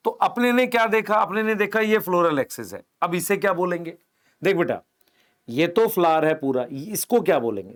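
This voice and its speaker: Man, biology teacher, high-pitched voice, question-and-answer lecture, explains while drawing. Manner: asks the class questions and answers them himself, calls students beta; explains while drawing on a board, points with "idhar dekho". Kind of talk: online exam-prep lecture, Hindi mixed with English terms.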